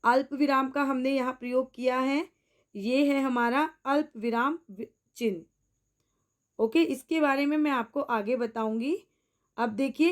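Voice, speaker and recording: A woman hosting her own teaching channel, explaining a grammar lesson slowly and deliberately and addressing her viewers as friends. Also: sits high. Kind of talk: scripted Hindi grammar lesson.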